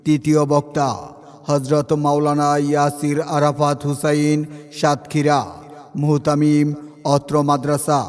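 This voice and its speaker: A man making an event announcement in a loudspeaker style, reciting the details in a chanted, sing-song way. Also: on the high side, completely flat delivery, measured pace, clear, resonant tone. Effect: loudspeaker-style announcement with long reverb. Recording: long hall reverb over faint music.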